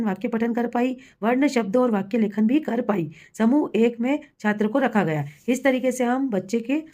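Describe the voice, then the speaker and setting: A woman teacher explaining a classroom assessment to fellow teachers, patient and steady, and slowing down to read out words for dictation. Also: fairly high pitch. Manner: patient, addresses listeners as colleagues, reads words slowly for dictation. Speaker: primary school teacher.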